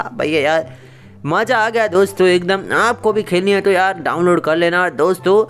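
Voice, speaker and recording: A man with a high voice gives casual gameplay commentary and talks to his viewers like friends. His comebacks come out whiny, with faint music playing under him. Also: moderate pace, fairly bright tone, clean tone. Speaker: gaming channel host.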